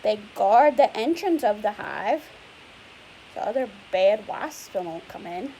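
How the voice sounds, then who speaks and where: Reading a picture book to young kids, this woman speaks slowly in a medium-pitched, dark-toned, animated voice. She explains things patiently using simple language and poses questions to her listener. It's a low-quality recording with noticeable hiss and noise behind her.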